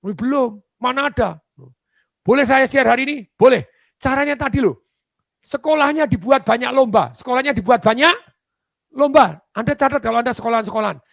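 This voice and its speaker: Male seminar speaker, high and gravelly, lively and repetitive, turns to the audience with questions; dry recording. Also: fast, dry recording. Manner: animated, repeats key phrases, quizzes the audience; acts out dialogue in shifting voices. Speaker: motivational speaker. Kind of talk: seminar talk on job hunting.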